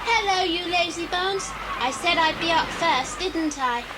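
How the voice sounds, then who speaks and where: A woman's voice: very high-pitched, measured pace. A woman playing a sweet, anxious, curious little girl in a children's audio drama, with a questioning, childlike manner. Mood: playful. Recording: very noisy old cassette dramatisation.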